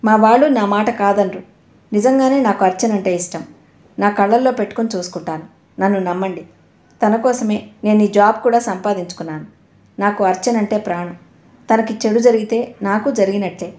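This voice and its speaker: A man's voice: high-pitched, a little fast, a little mellow, natural voice. Woman voicing an earnest young suitor, pleading, storybook reading, roomy echo. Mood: eager.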